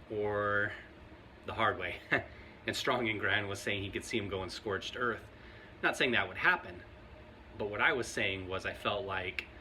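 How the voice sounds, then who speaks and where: Guy chatting to his viewers, lowish voice, bright and punchy, rambles and laughs a lot. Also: a little hiss or hum. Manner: conversational, rambling, laughs often. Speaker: vlogger. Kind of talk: casual commentary to camera.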